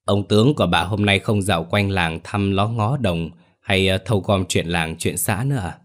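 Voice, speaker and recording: A stubborn old grandmother in a spoken ghost story, fretful and insistent, as a male narrator reads her in his own deep voice. Her worry sits close to the surface and she presses her questions. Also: normal speed, lightly acted. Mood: teasing. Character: anxious elderly village grandmother, stubborn.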